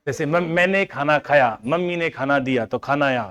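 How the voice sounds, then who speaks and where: A man's voice: a little high, normal speed, a bit bright, smooth. Man coaxing a class of students. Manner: coaxing students to recall answers; everyday household examples, mixing in English terms. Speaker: accounting teacher. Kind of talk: classroom lecture.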